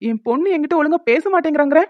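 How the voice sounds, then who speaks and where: A woman's voice: sits high, very fast, dry recording, natural voice. A woman voicing a worried young father and husband who frets earnestly in a cartoon. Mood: fretful. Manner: earnest, fretful pleading. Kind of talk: cartoon voice acting. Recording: dull lo-fi dry recording.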